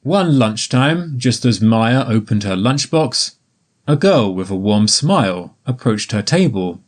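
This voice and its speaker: A man narrating a graded story for English learners in a slow, careful, evenly paced reading. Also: mid-range voice, animated.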